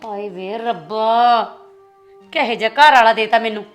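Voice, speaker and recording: A proud, sharp-tongued young wife, played by an actress, taunting her husband in a high voice. Faint music runs under the film scene. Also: unhurried, natural voice. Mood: bickering. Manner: taunting, bickering. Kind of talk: short film drama.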